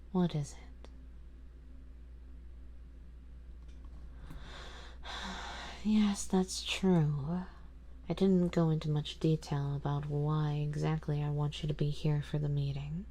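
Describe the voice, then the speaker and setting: In an ASMR roleplay audio drama addressed to the listener, a woman plays an ancient, wealthy female vampire. Her low-pitched voice is slow, soft, intimate, and breathy, drifting into whispers, while her formal, measured words sound composed and quietly possessive.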